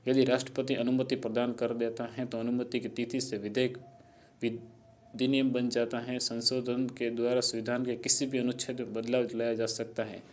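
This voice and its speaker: A man reads out a civics lesson in a steady, level voice that barely rises or falls. His pitch sits in an ordinary middle register. His delivery is plain and monotone, with an occasional stumble over a word. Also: moderate pace. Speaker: narrator. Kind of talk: read-out civics explainer.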